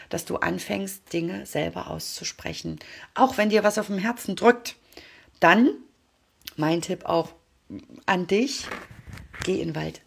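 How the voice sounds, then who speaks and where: Brief: woman, low husky gravelly voice, calm card-reading guide, slips into near-whispers. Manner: calm, often drops to a soft near-whisper. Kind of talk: reflective spoken guidance.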